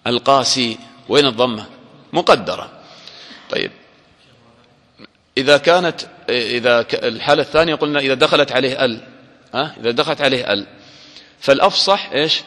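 A man teaching a grammar lesson to a class, quizzing listeners with short questions and drawing out example words slowly. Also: mid-range voice, a bit bright. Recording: long hall reverb.

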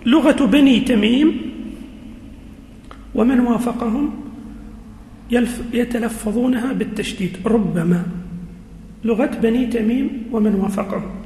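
A male teacher giving a lesson, speaking slowly and deliberately, repeating key words and quizzing his class. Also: very high voice, a little mellow, slight background noise. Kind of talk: classroom lesson on Quranic grammar. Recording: echoey hall with faint ambience.

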